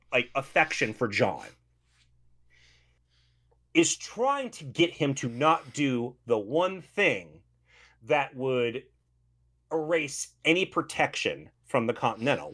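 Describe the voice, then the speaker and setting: Male co-host, casual film review talk, eager and restarting often, lively pitch. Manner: enthusiastic, animated, restarts often. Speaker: podcast co-host discussing a film.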